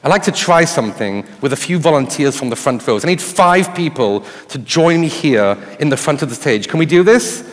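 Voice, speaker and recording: A man giving a live conference talk on stage, often putting questions to his audience. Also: a little high. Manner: addresses the audience with rhetorical questions. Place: on stage in a large hall before an audience. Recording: reverberant hall with audience sound.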